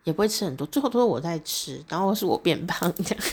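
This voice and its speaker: Woman, lowish voice, chatty, laughs a lot, solo podcast monologue. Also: very animated, a little fast, darkish tone, husky. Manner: chatty, laughs often, acts out little quoted exchanges. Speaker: podcast host. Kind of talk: personal reflective monologue.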